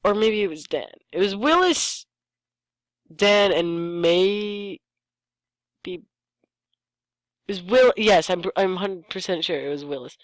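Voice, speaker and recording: A host gives a comedic reading of fan fiction and keeps breaking off for sarcastic asides about the writing. The voice sits at a middle pitch and sounds dry and close, with no room around it. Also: slow, long pauses, no room sound, rough recording. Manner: sarcastic, mocks the text and stumbles over lines. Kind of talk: comedic dramatic reading with commentary.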